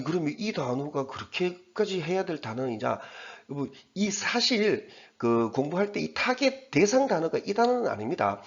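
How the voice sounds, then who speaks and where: Man, middle-aged, english teacher, patient explaining, lots of fillers, fairly high voice, muffled recording. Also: creaky. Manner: patient explaining, many fillers, spelling words out letter by letter. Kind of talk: lecture on English grammar and vocabulary. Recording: dull lo-fi recording.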